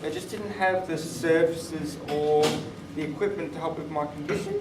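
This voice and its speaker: A man in his twenties, born in Thailand and now living in Australia, gives a personal, explanatory talk in a high voice at a moderate pace on a live panel podcast. The event is in a conference room, and he's recorded far from the mic, so the sound is echoey and roomy with clear background noise.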